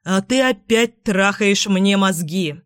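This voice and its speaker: A woman's voice: medium pitch, takes it slowly, no room sound, studio quality, natural voice. A woman reading a fed-up, exasperated wife. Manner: sharp, exasperated. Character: angry, fed-up adult woman. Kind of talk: audiobook character voice.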